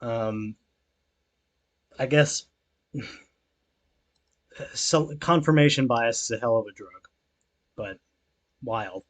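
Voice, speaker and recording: A young man talks at a mid pitch while he plays a game on stream. He rambles loosely, fills gaps with ums and likes, swears freely, and stops to read and answer his chat. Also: very slow, pauses often. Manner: casual, rambling, frequent swearing and fillers; reads chat aloud and answers it. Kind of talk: relaxed gameplay stream chat.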